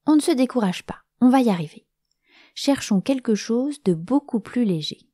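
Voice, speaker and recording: A kind, cheerful little cricket, played by a woman storyteller from a children's storybook, cheering a friend on. The voice sits high and bouncy with loud, coaxing exclamations. It stays mellow and close, with no room echo. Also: animated, moderate pace. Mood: encouraging.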